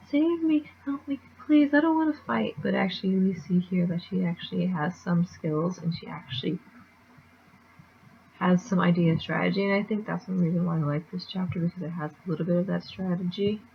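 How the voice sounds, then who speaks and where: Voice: mid-range voice, creaky, dull audio, slight background noise. A speaker casually recapping a comic chapter in a rambling way, with lots of fillers and restarts. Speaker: manga chapter reviewer.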